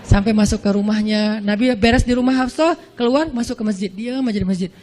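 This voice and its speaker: A man's voice: sits high, a little fast, darkish tone, slight background noise. A man preaching a sermon in a casual, conversational storytelling way, with playful slang asides.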